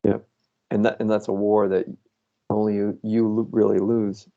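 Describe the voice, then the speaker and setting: A man speaks slowly and patiently, coaching someone through self-inquiry and thinking aloud as he goes. His voice is low, dark and gravelly. The sound comes through a muffled, lo-fi video call. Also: flat delivery. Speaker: facilitator guiding self-inquiry.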